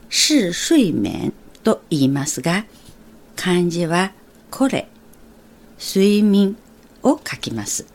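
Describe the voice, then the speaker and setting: A woman whose first language is Chinese, teaching phrases on a radio language lesson and explaining each character slowly and carefully. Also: mid-range voice, mellow.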